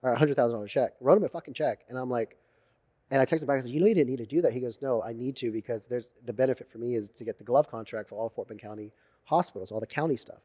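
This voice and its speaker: Guy rattling off stories quick, mellow tone, swears a bunch. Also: mid-range voice. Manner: animated storyteller, swears freely, acts out quotes. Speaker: podcast guest. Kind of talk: storytelling in casual interview.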